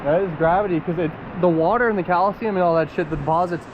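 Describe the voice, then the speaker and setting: A man with a high voice films a casual adventure vlog outdoors. He swears freely and exclaims as he talks. Loud rushing water runs heavily behind his voice. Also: lo-fi sound, noisy background. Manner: profane, exclamatory. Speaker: vlogger. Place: outdoors at a rocky river and cave.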